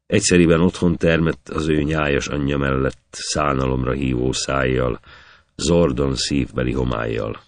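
A man recites an old epic poem in steady, rhythmic verse. His voice is extremely low, and the recording is dry and close with no room echo. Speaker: reader.

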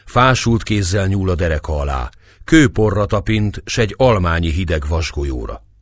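Deep, expressive male audiobook narrator. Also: no echo, studio quality. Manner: dramatic, expressive reading. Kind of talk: scripted narration of a historical novel.

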